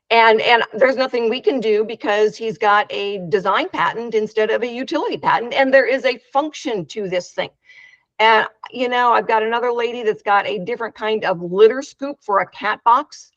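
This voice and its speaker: A woman's voice: on the high side, moderate pace, dry recording. Chatty, frank woman on a video call. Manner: chatty, frank, many fillers and restarts. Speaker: meetup organizer. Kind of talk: casual video-call chat. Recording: dry, dull video-call audio.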